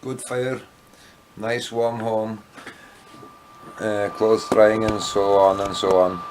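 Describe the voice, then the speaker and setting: Slightly drunk on wine, a Welsh vlogger and native Welsh speaker meanders through his evening video diary, losing his thread and putting himself down in asides. His lowish voice is flat and slow. The audio is poor, with a bit of hiss or hum.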